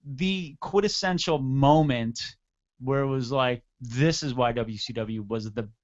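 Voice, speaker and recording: A man co-hosting a casual wrestling talk show, animated and rambling, often laughing. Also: mid-range voice, measured pace, dull audio. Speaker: co-host.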